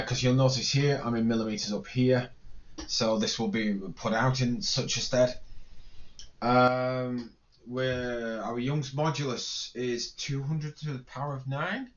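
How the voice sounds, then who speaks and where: A man's voice: mid-range voice, little pitch movement, a little slow, highs cut off. A man teaching an engineering calculation in a spreadsheet, thinking aloud and correcting himself as he goes. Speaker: engineering lecturer. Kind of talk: screen-recorded spreadsheet tutorial.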